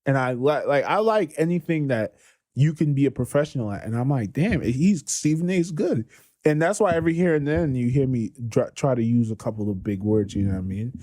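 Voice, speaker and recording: A man in his twenties, a guest on a podcast, telling his story in a casual, excited way, full of slang and restarts. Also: medium pitch, a little fast. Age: 20s.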